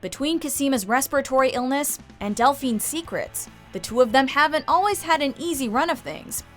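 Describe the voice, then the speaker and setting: A woman's voice: high voice, lively intonation, a little fast, soft background music. A woman reading scripted narration as the narrator of a countdown video.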